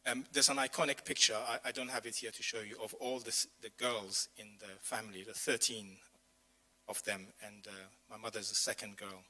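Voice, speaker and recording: A male pastor delivers a chatty sermon full of personal stories in a church community hall, making asides to the people in the room. He says he lost his voice, and it sounds strained: lowish, fairly even in intonation, a little fast, bright and forceful. The audio is poor.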